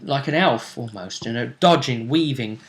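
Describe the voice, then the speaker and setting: A man who is both game master and show host recaps a tabletop role-playing match in a casual, rambling storyteller's way. His voice sits in the mid range and moves at a normal speed.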